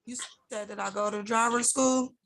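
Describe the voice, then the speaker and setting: A woman's voice: on the high side, fairly even intonation, normal speed, fairly bright tone, a little hiss or hum. A woman in her thirties answering a judge over a video call, hesitant and polite. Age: 30s. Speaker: defendant.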